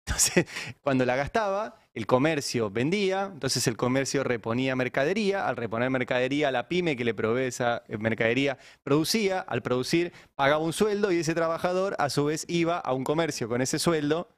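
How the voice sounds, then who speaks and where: An Argentine man hosts a political discussion, laying out arguments step by step with irony. The studio sound is close and dry. His pitch sits in the middle. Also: animated, fairly quick, no room sound. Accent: Argentine Spanish. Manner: explanatory, ironic. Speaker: panel host. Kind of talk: political panel talk.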